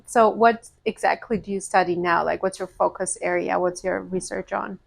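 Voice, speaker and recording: A woman's voice: on the low side, fairly even intonation, normal speed, vocal fry. A woman hosts a casual podcast interview, asking encouraging questions of a friend. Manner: warm, encouraging interviewer, nervous at start. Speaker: podcast host.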